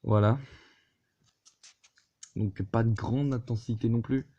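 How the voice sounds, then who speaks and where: A man's voice: medium pitch, fairly even intonation, slow, mellow. A man hosting a casual weather vlog from his computer, hesitant, with many fillers and restarts. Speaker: weather video host. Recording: dull lo-fi recording.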